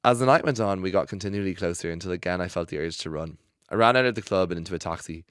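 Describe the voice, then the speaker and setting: A low-pitched man reads a personal story aloud as a podcast host. His delivery is expressive, often breaking into laughter. The studio sound is close and dry. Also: rapid-fire, clear, resonant tone, no echo. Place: recording studio.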